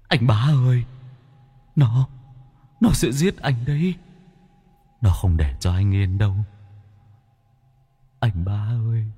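A man's voice: on the low side, warm tone, breathy edge, big-room sound, heavily acted. A man voicing the ghost of a murdered young man in a spoken horror story, begging his brother to flee. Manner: wailing, begging. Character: drowned young man's ghost, pleading, terrified.

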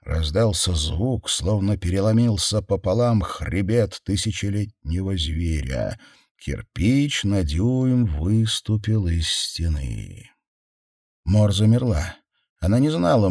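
A man narrating a horror audiobook in a measured, intense way, slowing down on key words. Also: on the low side, lively intonation, darkish tone, slightly rough, dry recording. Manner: measured, intense, with slowed stresses. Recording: dry close studio sound.

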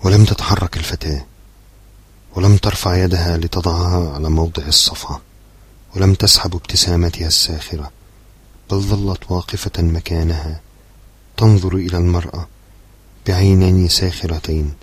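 A man narrating a literary novel as an audiobook in a measured, steady storytelling manner. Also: low voice, slightly rough.

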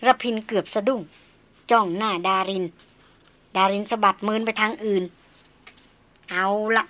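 A woman narrating a novel audiobook in a measured, even storytelling manner. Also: medium pitch.

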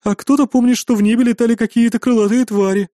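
A man playing a booming, mighty innkeeper woman. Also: steady tone, fast, warm tone, no room sound, studio quality. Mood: gushing. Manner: booming, gushing, then stern. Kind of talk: audiobook character voice.

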